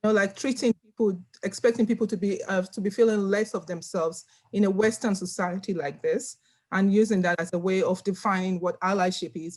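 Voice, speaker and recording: Speaking from a room at home, a woman from Nigeria joins a video call panel with a medium-pitched, darkish voice. Her delivery is earnest and forceful, and she repeats words for emphasis.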